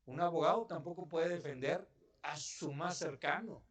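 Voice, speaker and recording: A man's voice: on the high side, normal speed, a bit bright. Mexican pastor preaching to his church. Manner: conversational preaching, asks the congregation questions. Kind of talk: sermon.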